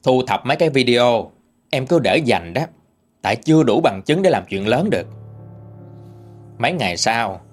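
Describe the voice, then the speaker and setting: A man with a Southern Vietnamese accent reading a first-person story in a lively, gossipy way. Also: medium pitch, moderate pace, pauses often, faint music behind. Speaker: ghost story reader.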